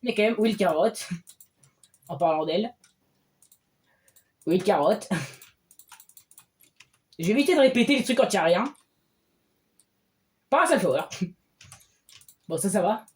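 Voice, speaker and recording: A man giving casual gameplay commentary as a streamer, excitable and often bursting into loud cheers. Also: sits high, slow, long pauses. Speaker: game streamer.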